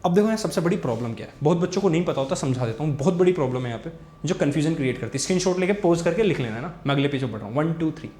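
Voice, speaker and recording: A young man teaching a physics lesson, quick and repetitive, urging students to watch closely. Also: a little high, animated, dark tone, slight background noise. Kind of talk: fast Hindi tutoring lesson with board writing. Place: room, recording a class video. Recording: echoey room.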